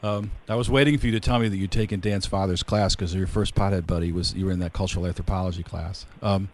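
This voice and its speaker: Male podcast host, slightly low voice, loose and chatty, rambles through stories. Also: steady tone, fast talker, a little mellow. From rural area. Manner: chatty, rambling storyteller with many fillers. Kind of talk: casual interview chat.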